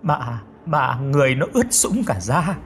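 A man's voice: medium pitch, very animated, a little slow. A man voicing a frightened old grandmother who stammers and insists on what she saw in a dream. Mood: insistent.

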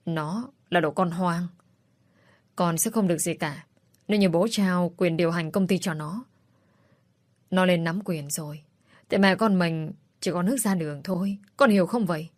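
A woman's voice: fairly low pitch, moderate pace, no echo, studio quality, natural voice. A woman voicing a ruthless middle-aged stepmother who speaks with contempt and threats in a read-aloud story. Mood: defiant.

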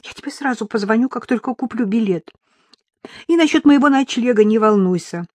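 A woman's voice: a little high, animated, brisk, no echo, voice pushed up. A woman voicing a young woman on the verge of tears in an audiobook, speaking emotionally on the phone. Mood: tearful. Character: tearful young woman leaving her husband.

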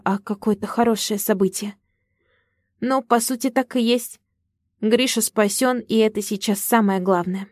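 A woman's voice: medium pitch, darkish tone, dry recording, studio quality. A woman narrating a story in the first person, with emotional storytelling. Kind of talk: audiobook narration.

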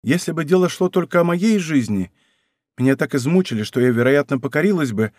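A man's voice: a little high, expressive, brisk, darkish tone, dry recording, clean studio sound. A man voicing an impassioned young noblewoman who pleads with her royal lover in an audiobook. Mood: pleading. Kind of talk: audiobook character reading.

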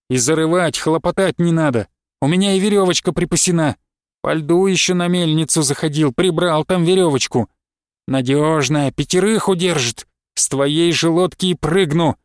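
A man's voice: on the high side, no echo, studio quality, natural voice. A man reading aloud and voicing a spiteful, embittered husband who drags his words out with a sneer and flares into angry outbursts. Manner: sneering, drawn-out, flaring into shouts.

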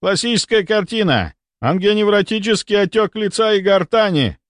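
A man's voice: sits high, lively intonation, moderate pace, dry recording, studio quality, pitched above the performer's own voice. A man voicing a seasoned doctor in his fifties who barks urgent orders at his staff. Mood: commanding. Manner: barking orders.

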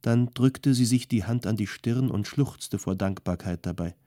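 A man narrates a scripted audiobook in a calm, measured storytelling style. His voice sits on the low side, recorded at studio quality with no room sound.

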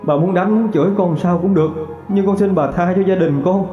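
A man's voice: high-pitched, a little fast, voice pushed up, close to an everyday voice. A man voicing a timid young servant girl who stammers and begs, in a storybook reading. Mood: pleading. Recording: roomy, dull recording with faint music.

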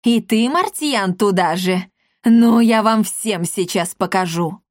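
A woman voicing a greedy, bossy old woman villain who screeches and shouts orders in a storybook reading. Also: mid-range voice, takes it slowly, no room sound, studio quality, close to an everyday voice. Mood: furious.

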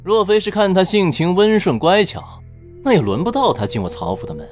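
A man playing a haughty, condescending young gentleman suitor in an audiobook drama. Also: high voice, big pitch swings, brisk. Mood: smug, condescending. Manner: haughty, self-satisfied. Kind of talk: Chinese audiobook drama acting. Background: background music.

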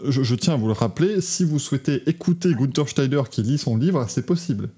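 Husky-voiced man hosting a joking chat. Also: medium pitch, expressive, brisk, mellow. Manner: joking, laughs often, trailing restarts. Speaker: podcast host. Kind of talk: casual motorsport chat.

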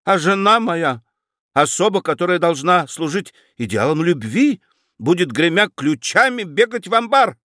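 A man voicing a lofty, dreamy young nobleman who speaks in high-flown, pleading exclamations. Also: very animated, moderate pace, sharp tone, no echo, clean studio sound, exaggerated voice. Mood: indignant.

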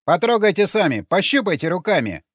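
A man voicing a shrill, spiteful dwarf pimp who screeches insults. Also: big pitch swings, a little fast, a bit bright, slightly rough, dry recording, studio quality, heavily acted. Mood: scolding. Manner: screeching, abusive.

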